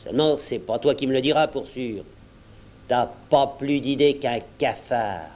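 A man's voice: mid-range voice, unhurried, close to an everyday voice. A man voicing a blustering, cunning male pirate captain who bullies and mocks his crew. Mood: threatening. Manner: loud, bullying, scornful.

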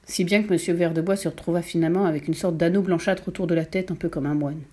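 A woman narrating a children's novel in a measured, expressive storytelling manner. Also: on the low side, husky. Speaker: audiobook narrator.

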